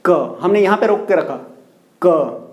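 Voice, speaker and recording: A man's voice: high-pitched, animated, normal speed, a little mellow. A male teacher giving a classroom lesson on pronunciation, asking questions and answering them himself, repeating the key words. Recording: roomy echo.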